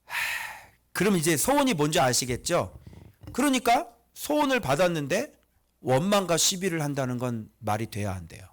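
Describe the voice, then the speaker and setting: A man preaching a conversational sermon as pastor, teasing the congregation with quick rhetorical questions. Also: fairly high pitch, sing-song.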